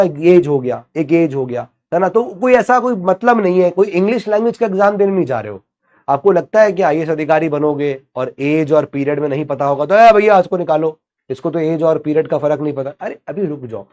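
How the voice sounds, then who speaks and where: A man's voice: high voice, a little mellow. A man teaching an online exam-prep history class in a chatty way, asking and answering his own questions and mixing in English terms. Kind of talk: online lecture.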